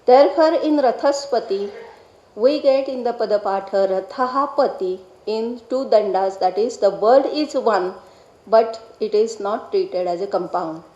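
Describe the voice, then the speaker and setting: A woman giving a formal academic lecture on grammar in a measured, deliberate way, carefully spelling out technical terms. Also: on the high side, warm tone, roomy sound, dull audio. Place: lecture hall.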